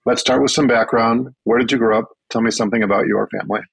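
A man hosting a podcast, reading his intro in a measured, announcer-like way and asking interview questions. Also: medium pitch, steady tone, creaky, slightly rough, rough recording. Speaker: podcast host.

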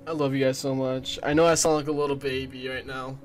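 A game streamer reacting live during gameplay, emotional and swinging from soft murmurs to excited yelling. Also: medium pitch, fairly quick, faint music behind.

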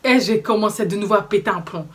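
This young Belgian French-accented vlogger talks fast at medium pitch, chatting casually to camera. She tells her story in an animated, indignant way, leaning on slangy fillers.

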